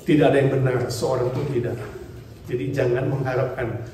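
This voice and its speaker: A middle-aged male pastor preaching a sermon, swinging between loud emphatic lines and quiet low ones and answering his own questions. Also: fairly even intonation, normal speed. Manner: asks the congregation questions and answers them himself. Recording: very echoey hall, heard from a distance.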